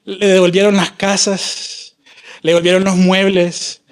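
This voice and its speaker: A man from El Salvador delivers a fervent sermon in a church, his voice sitting high for a man. He voices heartfelt prayers aloud and stretches key words out for emphasis. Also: flat delivery, clear, resonant tone. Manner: impassioned preaching, voicing prayers aloud, drawn-out emphasis. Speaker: prophet preaching.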